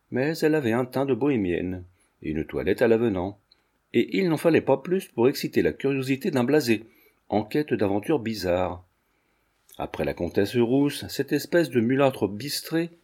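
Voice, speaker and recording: A man narrates a classic novel at a steady, measured pace. His tone is warm and mellow. The pitch sits in an ordinary middle range. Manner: measured, storytelling. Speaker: audiobook reader. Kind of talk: scripted narration.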